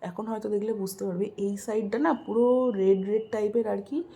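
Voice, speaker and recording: Female vlogger, mid-pitched, informal chat to viewers, Bengali sprinkled with English words. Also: fairly even intonation, normal speed, creaky, mellow. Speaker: family vlogger. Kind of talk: casual vlog chat to viewers.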